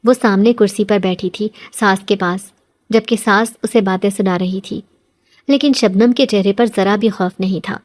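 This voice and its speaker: Female horror storyteller, steady dramatic read. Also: mid-range voice. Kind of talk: scripted horror story narration.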